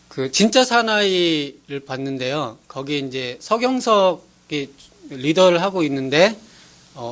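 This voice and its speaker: A man's voice: high-pitched, fairly bright tone. A male pastor preaching a sermon in an earnest, pleading way, acting out little scenes as he goes.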